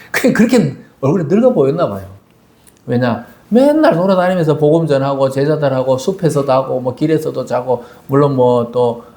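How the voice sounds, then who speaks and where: A man delivers a Sunday sermon in a loose, conversational way, slipping into little acted voices for the people in his stories. His voice sits slightly higher than most men's. The recording carries the echo of a church sanctuary. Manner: conversational, animated storytelling with quoted voices. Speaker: pastor. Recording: echoey church hall.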